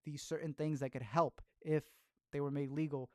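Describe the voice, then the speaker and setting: A man's voice: a little high, flat delivery, moderate pace, warm tone, no room sound, clean studio sound. A man casually chatting through film reviews as a podcast host, rambling along with fillers and restarts.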